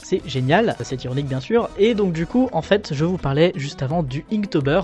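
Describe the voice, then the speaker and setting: A man's voice: on the high side, a little fast, soft background music. Casual self-mocking young Frenchman. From France. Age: young adult. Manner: relaxed, self-mocking, many fillers. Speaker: artist showing his sketchbook. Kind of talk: casual commentary.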